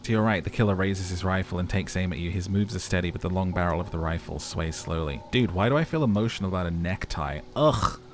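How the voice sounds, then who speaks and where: A let's player with a deep voice talks fast with hardly any pauses, narrating the game dramatically and then dropping into casual, sweary commentary. Faint game noise sits in the background.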